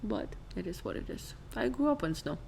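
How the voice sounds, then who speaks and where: A woman's voice: medium pitch, very animated, a little fast, gravelly, a little mellow, a little hiss or hum. A young woman from Ukraine co-hosting a reaction channel, chatting in a playful, wry way. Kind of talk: casual chat.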